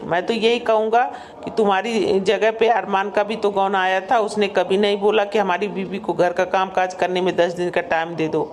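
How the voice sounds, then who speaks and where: A stern father in a cartoon, voiced by a man, blunt and scolding. His voice sits high for a man, and a faint hiss runs behind it. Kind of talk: cartoon voice acting.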